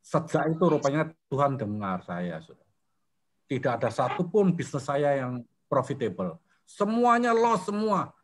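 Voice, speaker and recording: An older man tells his personal faith testimony to a church business fellowship. He speaks in a plain, middle-pitched voice and talks through his story conversationally. He keeps turning to his listeners as brothers and sisters. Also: expressive, moderate pace, husky.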